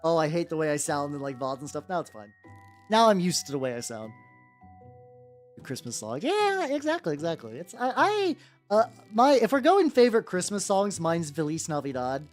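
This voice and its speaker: A young male VTuber chats casually on a livestream while painting miniatures, with soft music in the background. His relatively high voice swoops lively at a moderate pace, and he rambles, repeats words, laughs often, and squeals in playful high moments.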